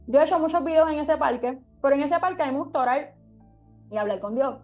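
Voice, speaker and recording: A woman's voice: sits high, fast talker, darkish tone, faint music behind. A young woman leading a Bible study, telling a heartfelt testimony in a sermon style and often asking her listeners rhetorical questions. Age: young adult.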